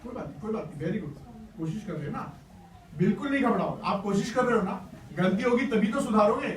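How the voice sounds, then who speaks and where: High-voiced male teacher, encouraging, distant mic in a roomy hall. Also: expressive, brisk, a crowd in the background. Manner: encouraging and playful, coaxing pupils. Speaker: teacher running a school workshop. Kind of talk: classroom teaching to students. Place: school classroom. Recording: echoey room, distant mic, noisy class.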